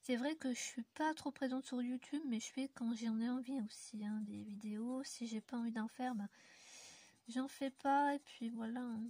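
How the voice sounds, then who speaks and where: This French YouTuber, colouring on camera in an indoor mountain setting, speaks in a slightly high, warm voice at a moderate pace with no echo. Her relaxed talk to viewers wanders, is full of fillers, and often falls to near-whisper level.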